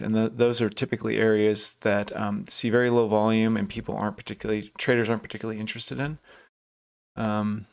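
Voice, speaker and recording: A fairly low, smooth, creaky male voice belongs to a day trader on a live stream. He comments casually, thinks aloud, chats, restarts his sentences, and reads out the names of viewers in chat as he answers them.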